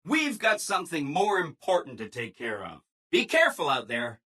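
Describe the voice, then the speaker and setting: A man's voice: fairly high pitch, wildly swooping pitch, moderate pace, pushed and bright, husky, heavily acted. Yes Man, a relentlessly chipper robot. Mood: helpful, upbeat. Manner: chirpy, over-agreeable, salesman-like enthusiasm. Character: relentlessly cheerful, eager-to-please male robot assistant with scheming edge. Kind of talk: video game character voice lines.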